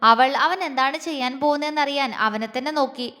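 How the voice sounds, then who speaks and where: A woman storyteller giving a gentle, expressive scripted narration of a romance story. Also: high-pitched, quick pace, in a large hall.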